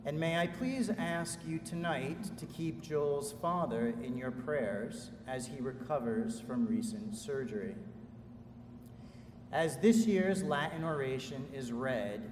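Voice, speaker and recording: A man's voice of middling pitch rings through a very echoey hall, heard a little way from the microphone. He gives a formal commencement address, solemn and measured, setting out each phrase deliberately. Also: darkish tone. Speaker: ceremony speaker introducing an orator. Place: large indoor hall at a school commencement. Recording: echoey hall, distant mic, faint noise.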